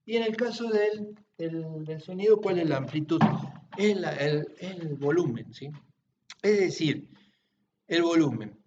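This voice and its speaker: Male teacher, fairly high voice, patient step-by-step explainer, distant muffled home recording. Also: expressive, a little slow, reverberant, background noise. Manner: patient, checks understanding with frequent tag questions. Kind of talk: classroom-style explanation.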